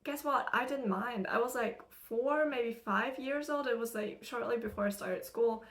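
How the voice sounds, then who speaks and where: With a slightly high voice at a moderate pace, this young German content creator and spiritual channeler, who has an American English accent, gets ready on camera in her room. She rambles and chats while applying makeup, laughing often and leaning on fillers, filmed close-up with the camera as her mirror.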